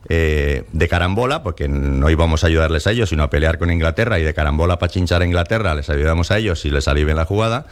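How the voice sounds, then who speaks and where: Male author guest, very low voice, animated talker who mimics quoted people. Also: fast, hardly any pauses. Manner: frequent restarts and fillers. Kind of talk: conversational interview.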